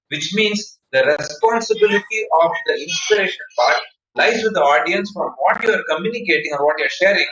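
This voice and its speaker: His voice a little high and sharp-toned, a man with an Indian accent delivers an emphatic online talk as a public-speaking trainer, full of anecdotes and repeated phrases. The video call audio comes from a distant mic with slight background noise, sounding muffled and echoey.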